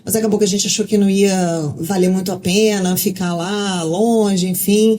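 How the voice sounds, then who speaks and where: Guest journalist, woman, mid-pitched, mellow tone, talkative storytelling. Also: steady tone, normal speed. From Rio de Janeiro, Brazil. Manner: talkative, lots of fillers and restarts. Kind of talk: casual interview chat.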